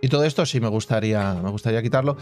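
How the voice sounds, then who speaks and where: A man's voice: on the low side, rapid-fire, a little mellow, faint music behind. Chatty man narrating his gameplay. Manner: chatty, thinks aloud, hums and makes sound effects. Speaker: gaming channel host. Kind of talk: casual let's-play commentary.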